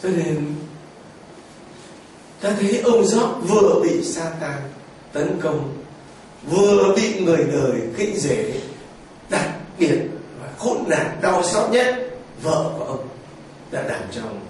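A man's voice: high voice, darkish tone, slight background noise. A man preaching a sermon as a priest, telling the story with exclamations and vivid storytelling. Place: church. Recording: echoey church heard from far off.

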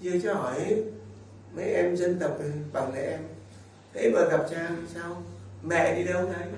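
High-voiced priest preaching in an echoey church. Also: male voice, a little slow, darkish tone, a little hiss or hum. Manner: asks the congregation rhetorical questions. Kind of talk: sermon. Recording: very echoey, far from the mic, faint ambience.

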